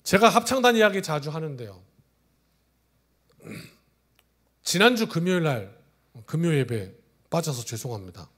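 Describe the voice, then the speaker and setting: A male pastor in his forties preaching a sermon, telling stories, swinging from loud exclamations to hushed asides. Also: fairly high pitch, big pitch swings, measured pace, long pauses. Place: church sanctuary.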